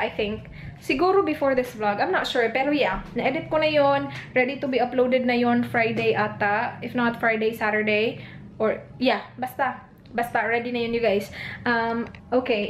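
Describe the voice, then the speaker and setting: High-voiced Filipino woman vlogging casually. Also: moderate pace, slight background noise. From Philippines. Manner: chatty, mixes English into Filipino. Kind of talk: casual home vlog.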